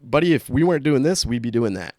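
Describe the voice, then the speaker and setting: A man's voice: medium pitch, lively intonation, quick pace, a crowd in the background. A young man co-hosting a podcast, chatting casually, rambling and swearing, often trailing off mid-sentence. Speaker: podcast co-host. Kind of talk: casual chat.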